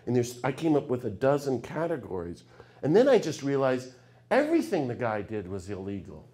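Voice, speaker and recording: A middle-aged man giving a public lecture, telling stories with sudden swings from hushed asides to loud, fired-up passages. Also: mid-range voice, huge pitch swings, a little fast, slight background noise. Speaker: speaker.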